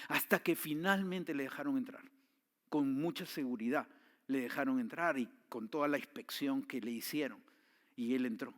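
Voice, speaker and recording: A man preaching a sermon, telling a story with swings from hushed tones to loud pleading. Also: medium pitch. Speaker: pastor.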